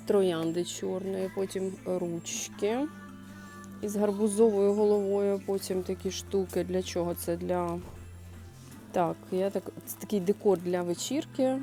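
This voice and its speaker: A woman's voice: medium pitch, dark tone. A woman chatting to her viewers while browsing a clothing and home goods store, thinking aloud in a casual shopping vlog. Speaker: shopping vlogger.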